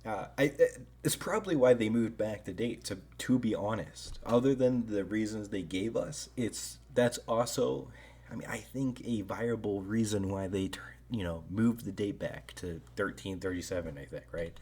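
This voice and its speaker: A man's voice: lowish voice, moderate pace, a little mellow, husky. A man giving casual, rambling video commentary on a strategy game, hedging often and tagging thoughts with "right?".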